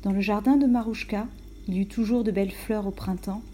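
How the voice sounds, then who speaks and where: A woman tells a fairy tale in a calm, measured storyteller's voice, sometimes sinking to a hush. Her tone is dark and mellow. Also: mid-range voice.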